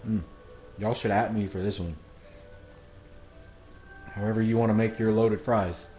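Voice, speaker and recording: His warm voice on the low side, this cooking channel host speaks unhurriedly and steadily from his home kitchen. In a casual vlog he jokes, makes fun of himself and talks to viewers, with faint music in the echoey room.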